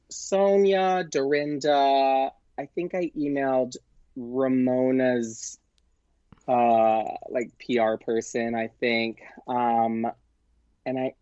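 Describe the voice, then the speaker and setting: A podcast guest, a man who works as a performer and producer, tells stories in a casual, chatty way, lively and quick to act out quoted exchanges. His voice is medium in pitch. The recording is dry with no echo and sounds slightly muffled.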